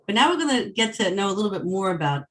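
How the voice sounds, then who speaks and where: A woman's voice: medium pitch, sing-song, quick pace, fairly bright tone. A woman from Long Island, New York, hosting an online meetup over a video call and playfully walking the group through an icebreaker. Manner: playful, explains the game step by step. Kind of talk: casual group facilitation.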